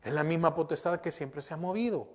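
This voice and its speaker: Emphatic preaching pastor, rather high voice. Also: male voice, brisk. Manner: preaching with rhetorical questions to the congregation; emphatic, repeats words and restarts. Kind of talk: sermon.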